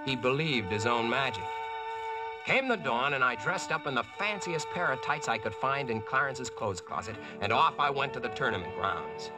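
A man's voice: medium pitch, natural voice, low-quality recording. An actor playing a brash, wisecracking American who narrates his own adventure in a slangy, cocky way, in 1940s radio drama style.

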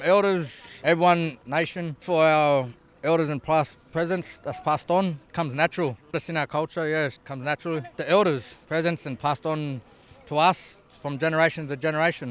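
A man's voice: on the high side, fairly bright tone, clear, resonant tone. An Australian man, an inmate dancer, speaking plainly and unhurriedly.

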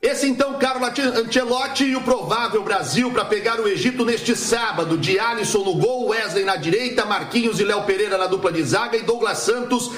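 A man delivering a scripted sports report, reading the team lineup in an even cadence. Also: high voice, a little fast, few pauses, echoey room.

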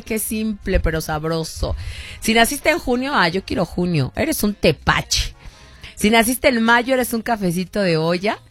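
A woman's voice: medium pitch, fairly bright tone. A woman radio host with a Mexican accent, chatting casually with listeners and reading out their messages. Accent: Mexican Spanish.

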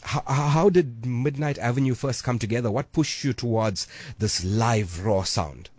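A man's voice: medium pitch, a little mellow, no echo. A man hosting a radio show from the studio, upbeat and hyping his guests. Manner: upbeat, hyping, quick asides. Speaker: radio host. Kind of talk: lively radio presenting. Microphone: studio microphone.

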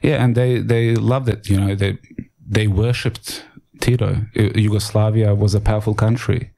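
A man from Bosnia, a radio interview guest, telling his life story in a halting way and often repeating words as he searches for them. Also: fairly low pitch, fairly even intonation, gravelly, dark tone.

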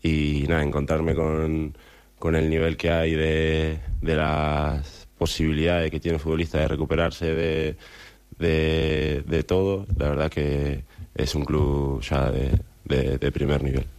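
A man's voice: rumbling low, flat delivery, takes it slowly, darkish tone, smooth. A young man, a footballer answering at a press conference, speaking hesitantly with many repeated words. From Argentina.

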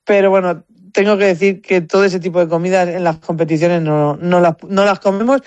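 A woman from Spain with a Spanish accent speaks briskly in a lowish, darkish voice with fairly even intonation, on a dry recording. She's a competitive shooter giving casual, anecdotal answers as an interview guest, often repeating words while she thinks.

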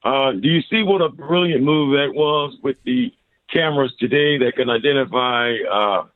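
A male radio caller talking over a phone line that keeps breaking up, speaking in a halting way with many pauses. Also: medium pitch, no room sound. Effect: phone call line.

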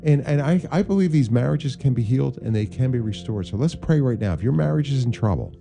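A man with a smooth radio host delivery, hosting a call-in prayer show and leading callers through a call-and-response prayer. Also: medium pitch, animated, fast talker, warm tone, faint music behind.

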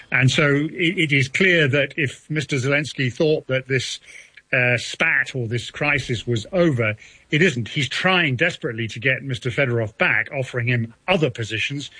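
A man's voice: medium pitch, fairly bright tone, slightly rough, dry recording. A male diplomatic correspondent giving articulate live analysis to a news presenter.

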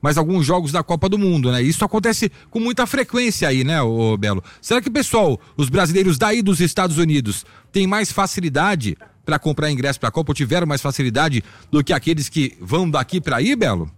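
A man's voice: fairly high pitch, big pitch swings, a little fast, dry recording. A man with a Brazilian Portuguese accent, a studio presenter who talks to a reporter in a conversational way and leans on tag questions. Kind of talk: live radio link.

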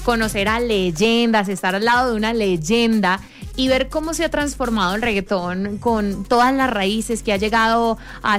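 A woman interviewing a music artist in a casual chat, giving frequent short backchannels. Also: on the high side.

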